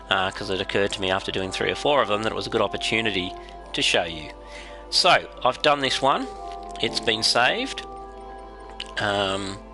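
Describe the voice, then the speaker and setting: Raspy Australian man with a head cold. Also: fairly low pitch. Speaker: game livestream host. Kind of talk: casual livestream commentary.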